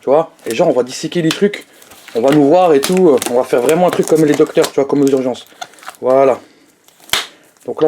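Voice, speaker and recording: Slangy young man reviewing fast food. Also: medium pitch, warm tone, a little hiss or hum. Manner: chatty, slangy, talks straight to viewers. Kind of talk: casual food review vlog.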